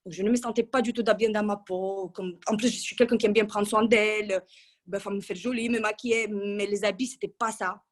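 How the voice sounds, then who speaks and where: A woman's voice: medium pitch, steady tone, brisk. A woman in her thirties giving a casual testimonial in an interview, chatty and full of restarts. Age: 30s. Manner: chatty, with many restarts and fillers. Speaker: coaching client giving a testimonial.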